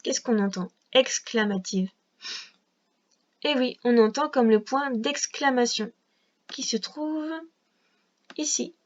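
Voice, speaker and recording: Here a woman's high voice comes through with the upper frequencies cut off as she teaches first grade. Unhurried and patient, she guides a young child through reading, pronouncing everything with care.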